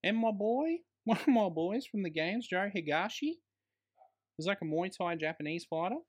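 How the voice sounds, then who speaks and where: A man with a high-sitting voice talks at a moderate pace while co-hosting a podcast. He chats casually about films like an exasperated fan, using slang and swearing.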